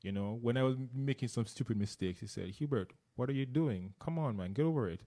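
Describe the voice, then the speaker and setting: A middle-aged Jamaican man, guest in a casual interview, talks a little fast in a warm, mid-range voice with a Jamaican accent. He is earnest and tends to repeat words as he searches for them.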